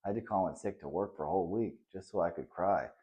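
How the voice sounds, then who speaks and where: A man reading the part of a kind, patient father who talks softly and reassuringly to his son in a children's story. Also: deep voice, fast, muffled recording, lightly acted. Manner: soft and reassuring.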